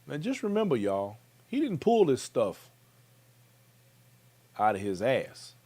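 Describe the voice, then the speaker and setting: A man's voice: medium pitch, wildly swooping pitch, takes it slowly, a little mellow, breathy edge. A man with an American accent hosting a commentary show, talking emphatically and speaking straight to his viewers. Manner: emphatic, direct address to viewers.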